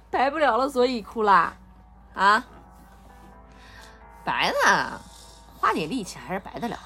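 A woman's voice: a little high, sing-song, takes it slowly, long pauses, husky. A mother chatting at bedtime with her young daughter, teasing her playfully, laughing often and soothing her. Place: home at bedtime. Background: soft music she plays.

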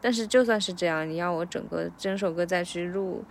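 Woman, low-ish voice, reflective practice vlog, faint noise behind. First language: Chinese. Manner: reflective, breaks lyrics into slow drills. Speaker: English teacher practicing song lyrics. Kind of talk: casual self-recorded practice vlog.

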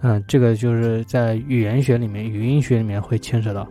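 A man talking on his own about poetry in a relaxed, thoughtful way, often pausing on fillers as he thinks aloud. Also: mid-range voice, faint music behind. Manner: thoughtful, hesitant, many fillers. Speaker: vlogger. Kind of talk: casual solo talk about poetry.

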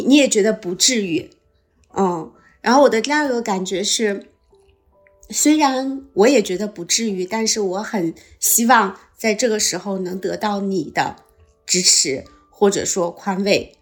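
Guest coach, woman, video call, thoughtful and measured, mid pitch. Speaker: guest, life coach and podcaster. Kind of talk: reflective empathetic conversation.

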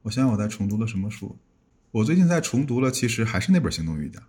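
A man's voice: on the low side, sing-song, very fast, warm tone, slightly rough. A man chatting as a podcast guest, musing aloud and often restarting his words. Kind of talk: casual podcast chat.

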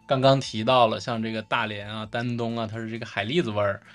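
A man with a Northeastern Chinese accent chatting casually as a podcast co-host, explaining in a halting way and often repeating his phrases. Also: on the low side, level tone, a bit bright.

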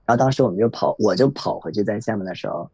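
A man in his thirties telling a personal story in a reflective, halting way, with many fillers. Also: on the low side, a little mellow. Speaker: podcast guest sharing a personal story. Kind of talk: emotional first-person storytelling. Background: faint background music.

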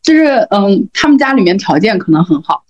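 A woman co-hosting a podcast, telling animated stories and quoting the people she met. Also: mid-range voice, brisk. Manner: animated storytelling, quoting others. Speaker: podcast co-host. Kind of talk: casual chat. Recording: dull lo-fi audio.

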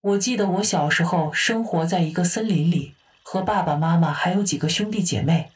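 Woman playing a robot assistant, calm and even, lowish voice, a bit distant from the mic, faint music underneath. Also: lightly acted. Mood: wistful. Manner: even, measured, matter-of-fact.

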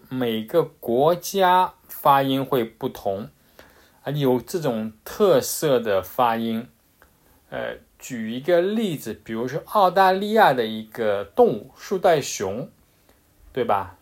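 A man teaching English pronunciation in a casual, patient way, with frequent fillers and restarts. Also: mid-range voice. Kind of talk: casual explanatory lesson.

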